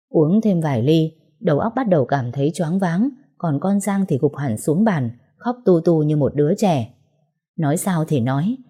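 A woman with speech, narrating a first-person audiobook in a steady, even storytelling manner. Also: deep voice, slightly rough.

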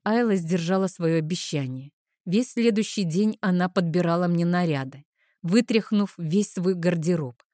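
A woman reading a first-person audiobook at an even, measured pace into a close mic. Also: fairly low pitch, dry recording. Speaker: audiobook narrator.

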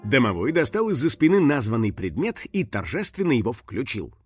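A man narrating a children's story in a lively, expressive way. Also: medium pitch, a little fast, soft background music.

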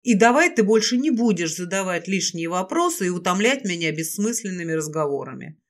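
A woman voicing a possessive, domineering male serpent lord in an audiobook, speaking low and commanding. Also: lively intonation, fairly quick. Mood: dismissive.

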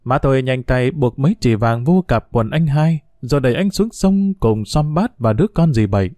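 A man narrating a story in a steady, measured reading voice. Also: medium pitch, no room sound, clean studio sound.

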